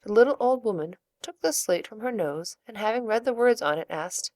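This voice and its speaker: Calm woman reading a storybook. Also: on the high side, a little fast, no echo. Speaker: narrator.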